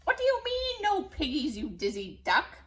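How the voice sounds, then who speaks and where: Bossy, scheming hag witch for a storybook, high and wildly swooping, played by a woman. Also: wildly swooping pitch, moderate pace, fairly bright tone, heavily acted. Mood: outraged. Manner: theatrical, exclaiming, bossy. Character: cranky, scheming hag witch craving piggy pie. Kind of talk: storybook character voice.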